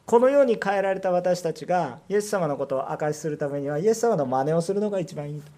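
Japanese pastor preaching with rising emphasis. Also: male voice, on the high side, expressive, fast, dark tone. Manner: earnest preaching with rhetorical questions, rising emphasis. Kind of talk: sermon.

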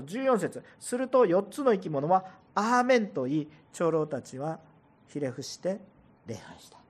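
Animated pastor preaching, lively pitch. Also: male voice, breathy edge. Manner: animated, asks the congregation rhetorical questions. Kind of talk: sermon. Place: church service before a congregation.

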